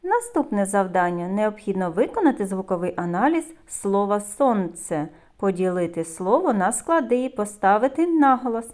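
A woman teaching small children a recorded kindergarten lesson, drawing words out slowly and clearly. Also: mid-range voice. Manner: slow, drawn-out pronunciation of words for children.

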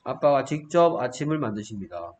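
A man's voice: mid-range voice, sing-song, brisk, slight background noise. A man teaching English grammar exercises, working through each answer and often checking in with rhetorical questions.

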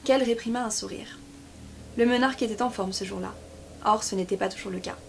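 A woman reading a novel chapter aloud in a steady voice, with small slips and restarts now and then. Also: mid-range voice, brisk, vocal fry, slight background noise. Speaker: book YouTuber.

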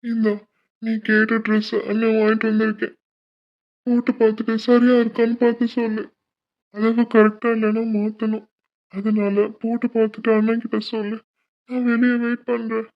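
A woman voicing a loving young adult man who gently pleads with his younger sister in an animated cartoon. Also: a little high, normal speed, lightly acted. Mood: tender. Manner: tender, pleading, emotional. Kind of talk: dubbed animation voice acting. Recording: dull lo-fi recording.

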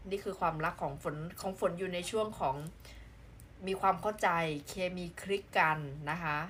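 A woman's voice: on the low side, moderate pace, fairly bright tone, slight background noise. A woman from southern Thailand chatting casually on a live stream, reading out viewer comments in a playful, exclamation-filled way.

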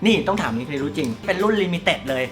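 A man's voice: a little high, lively intonation, fast, a bit bright, soft background music. A man hosting a casual word game among friends, joking and dropping in sponsor plugs. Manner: playful, reads out sponsor plugs.

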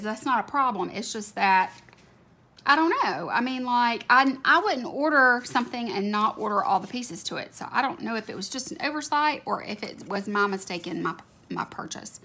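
A planner video creator sits at her home desk, hands on an overhead camera, casually chatting and gushing over cute stickers as she decorates. Her slightly scratchy voice is a little high, bright, and forceful. A dog snores softly over the faint room ambience.

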